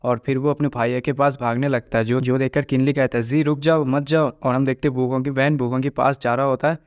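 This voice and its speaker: Guy doing a story recap, really flat delivery, smooth clear voice, dry close sound. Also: mid-range voice, quick pace, no room sound. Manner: flat, steady storytelling with quoted lines read plainly. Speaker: recap narrator. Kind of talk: scripted story recap narration.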